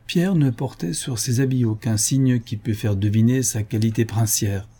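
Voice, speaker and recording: A man reading a historical tale aloud in a measured, storytelling way. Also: mid-range voice, mellow, slightly rough. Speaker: audiobook reader. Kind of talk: scripted narration of a historical tale.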